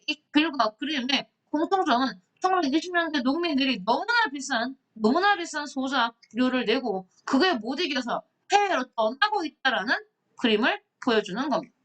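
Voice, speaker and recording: Lively woman teaching history. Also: sits high. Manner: lively, asks students questions, reads captions aloud. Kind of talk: online lecture.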